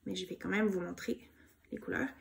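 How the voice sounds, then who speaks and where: A woman with a Québécois accent chatting casually about her knitting projects, soft-spoken and gushing, with many fillers. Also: on the low side, fairly even intonation, a little fast, vocal fry. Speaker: knitting vlogger. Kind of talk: casual show-and-tell chat.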